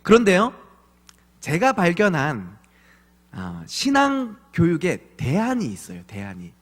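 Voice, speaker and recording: Pastor guy in his 30s preaching, high-ish voice, super animated, big echoey church hall. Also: measured pace. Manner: animated storytelling with acted voices of his kids. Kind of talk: evening church sermon. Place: church sanctuary. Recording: long church hall reverb.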